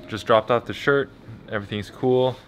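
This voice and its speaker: A man's voice: medium pitch, moderate pace, faint music behind. A young man talking casually to camera as a vlogger. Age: young adult. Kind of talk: casual vlog chat.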